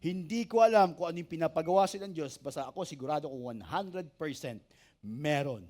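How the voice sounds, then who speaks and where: A man, a pastor preaching an animated sermon, asking the congregation for amens and joking with them. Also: on the high side, a little fast. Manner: animated preaching, asks the church for amens and jokes with it.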